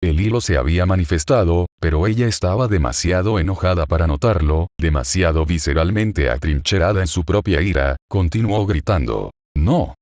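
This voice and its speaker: Deep-voiced male story reader. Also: animated, fairly quick, few pauses, darkish tone, dry recording, studio quality. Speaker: narrator. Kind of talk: reading fan fiction aloud.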